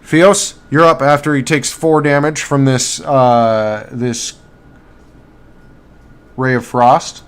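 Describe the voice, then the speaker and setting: A man runs a tabletop game as game master, talking in a loose, rambling way full of fillers and quick self-corrections. His voice sits at an ordinary middle pitch. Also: steady tone, smooth. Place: home streaming setup.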